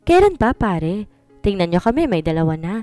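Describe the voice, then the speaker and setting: A woman's voice: medium pitch, sing-song, moderate pace, mellow, no room sound, soft background music, natural voice. A woman voicing a jovial young husband who jokes casually with his friends in a storybook reading. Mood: joking. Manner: joking, casual banter.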